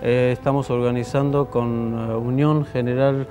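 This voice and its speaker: A man from Armenia in his thirties, a guest musician on a TV studio show. He speaks with a middle pitch, stopping often for fillers and restarts. Faint music plays behind him. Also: level tone, normal speed, darkish tone. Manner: hesitant, many fillers and restarts. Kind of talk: TV studio interview. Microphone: lapel mic.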